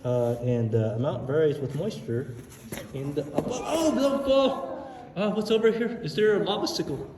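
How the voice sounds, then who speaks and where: A man touring a dark lava tube cave, reading the signs aloud and teasing with fake scares. His voice carries the cave echo. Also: fairly high pitch, animated, moderate pace, noisy background. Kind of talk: casual tour chat, reading signs aloud. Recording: echoey cave with long reverb.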